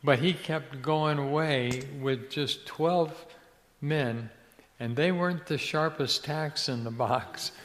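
A man's voice: a little high, takes it slowly, fairly bright tone, a little hiss or hum. An older man from Ecuador, a missionary's son, telling stories as an interview guest and often searching for words and restarting. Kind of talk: storytelling in a faith interview. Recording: long hall reverb.

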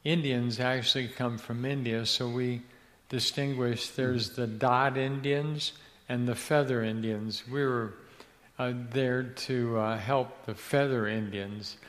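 A man's voice: medium pitch, steady tone, takes it slowly, a bit bright. An older man from Ecuador tells a long story as an interview guest, wandering and searching for his words. His voice sits in a mid range. A long hall reverb trails every phrase. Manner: rambling, searches for words with many restarts. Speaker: guest, missionary's son.

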